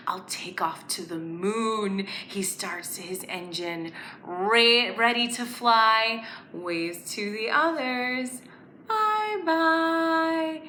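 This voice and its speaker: In a medium-pitched voice, a woman hosts children's story time, animated and clearly spoken as she draws young children into letters, songs and counting rhymes. The sound carries a roomy echo and faint background noise.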